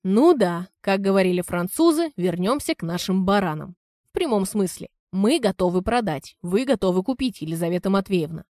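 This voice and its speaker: A woman reading an audiobook, voicing a calm, ironic young man who speaks in a measured way. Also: mid-range voice, no room sound, clean studio sound, natural voice. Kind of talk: audiobook character voice.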